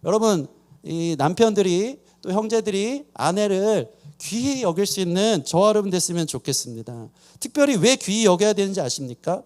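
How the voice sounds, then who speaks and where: A man's voice: high voice, darkish tone. A man preaching a sermon as pastor, telling stories about his own marriage with self-deprecating humor. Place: church sanctuary.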